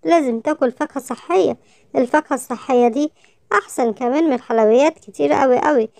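A woman voicing a kindly grown-up uncle with an Egyptian Arabic accent, gently warning a child in a storybook. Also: sits high, quick pace, gravelly, no echo. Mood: coaxing. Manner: gentle scolding, affectionate.

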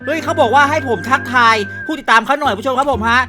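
A man giving playful, excitable gameplay commentary, laughing often and using crude slang. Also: very high voice, fast talker. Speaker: gaming YouTuber. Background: background music.

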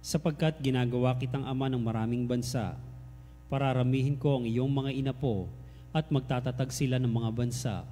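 Male lector reading scripture, steady formal reading, mellow voice, long reverb, faint hum. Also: medium pitch. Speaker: lector and radio announcer.

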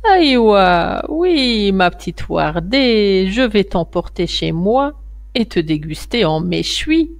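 Storybook ogress, old and scheming, sweet-talking then menacing, slow and swooping, voiced by a woman reader. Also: mid-range voice, big pitch swings, gravelly, no room sound, full character voice. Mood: gloating. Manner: wheedling then menacing, drawn-out words.

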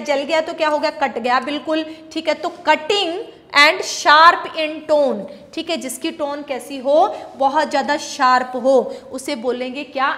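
High-pitched Indian woman teaching vocabulary. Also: a bit bright. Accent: Indian English. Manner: explains patiently, asks and answers her own questions, calls students beta. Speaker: English teacher. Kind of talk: classroom vocabulary lesson.

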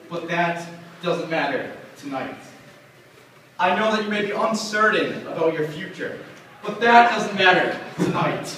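A young man giving a coach's pep speech in a deliberate, declamatory way with a repeated refrain. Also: high-pitched, pushed and bright. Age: young adult. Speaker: amateur hockey coach giving a locker room speech. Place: small bare cinderblock locker room, indoors. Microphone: camera across the room. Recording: very echoey room, distant camera mic, faint noise.

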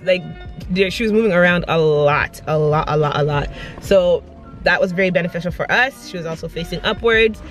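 A young woman talking quietly to her phone in a clinic change room, keeping her voice low. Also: low-quality recording. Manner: hushed, quiet talk. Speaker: vlogger. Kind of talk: casual vlog chat.

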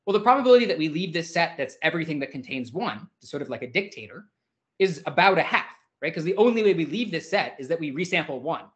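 A man giving an academic seminar talk, explaining ideas informally, with many "sort of" hedges and quick self-corrections. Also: a little high, expressive, fairly bright tone. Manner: informal, hedging with "sort of" and restarts. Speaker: invited speaker.

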